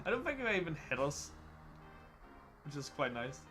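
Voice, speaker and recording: A man's voice: fairly high pitch, sing-song, slow pace, over music. A man giving casual let's-play commentary, chatty and self-mocking. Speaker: gaming channel host.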